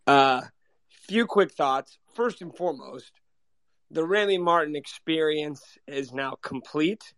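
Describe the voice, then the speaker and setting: American man, gravelly and hoarse with a cold, slightly high pitch, dry sound, declarative fan commentary. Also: slow pace, a bit bright, dry recording. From Kansas, United States. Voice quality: coarse, gravelly voice. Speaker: guest caller, basketball fan. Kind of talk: emphatic sports fan commentary in a live audio chat.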